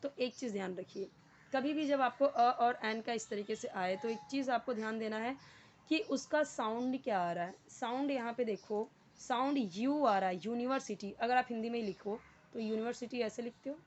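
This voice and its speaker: A woman's voice: fairly high pitch, normal speed, a little hiss or hum. A woman English teacher, patiently explaining grammar step by step, repeating words and asking the viewer questions. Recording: dull lo-fi sound.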